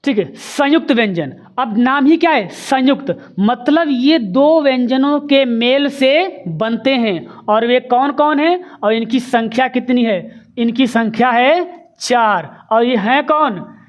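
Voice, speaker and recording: A woman's voice: fairly high pitch, expressive, slow pace. A woman teacher giving an exam-prep grammar lesson, posing rhetorical questions, answering them herself and drilling sounds aloud. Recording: dull lo-fi recording.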